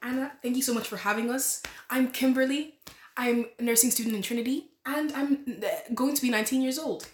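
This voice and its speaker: A woman's voice: sits high, brisk, slight background noise. An eighteen-year-old woman, a nursing student, speaking as a podcast guest in a rambling, casual way with many restarts. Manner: rambling, restarts, soft laughs. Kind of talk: casual interview chat. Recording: roomy echo.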